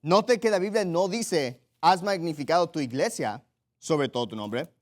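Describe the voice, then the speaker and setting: Higher-voiced man preaching a sermon. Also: normal speed. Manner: emphatic preaching, with repeated phrases and frequent "¿verdad?" to the congregation; directs listeners to Bible passages and reads them aloud. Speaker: pastor.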